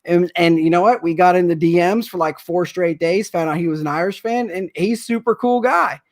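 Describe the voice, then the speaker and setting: A man's voice: high-pitched, moderate pace. Rambling, emotional man on a livestream. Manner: rambling, emotional, repeats himself. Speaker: sports card breaker host. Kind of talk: casual livestream chat.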